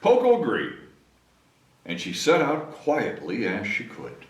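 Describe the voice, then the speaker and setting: A city mayor reads a children's story aloud expressively, adding chatty asides for young listeners. His mid-range voice swoops wildly in pitch at an unhurried pace, recorded with a distant mic, roomy echo, and faint noise.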